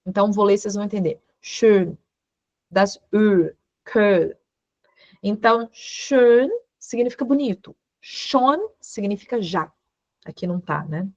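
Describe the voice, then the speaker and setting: A woman's voice: medium pitch, animated, a little slow, a little mellow, no room sound, dull audio. A woman teaching an online lesson, explaining patiently and checking in with short questions. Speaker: law teacher giving a German course.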